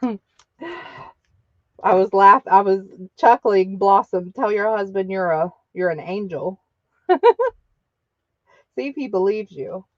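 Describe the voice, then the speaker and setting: A woman hosting a casual live-stream sale talks slowly and chattily, breaking into laughs and cheers. Her voice is recorded dry and a little dull, right up close. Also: mid-range voice, dry recording.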